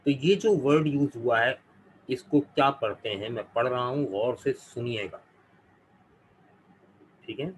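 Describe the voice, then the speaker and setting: Male teacher, unhurried, faint background hum. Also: medium pitch, low-quality recording. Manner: slow, careful pronunciation drills, repeating words. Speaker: English teacher. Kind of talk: live online vocabulary class.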